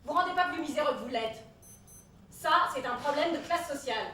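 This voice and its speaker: A woman's voice: high voice, lively intonation, a little fast, bright, forceful tone. A woman playing a haughty Marianne, the French Republic personified, lecturing citizens sarcastically in a comedy sketch. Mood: mocking. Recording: roomy echo from a distance, faint noise.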